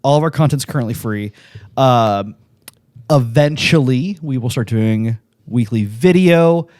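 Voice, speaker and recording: A man's voice: mid-range voice, unhurried, darkish tone, dry recording, clean studio sound. A man in his late thirties, co-hosting a podcast in casual chat, self-deprecating and laughing often. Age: 30s. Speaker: podcast co-host.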